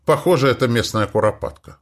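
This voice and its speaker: A man reading a first-person science fiction audiobook with animated storytelling. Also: mid-range voice, a little fast. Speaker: audiobook reader.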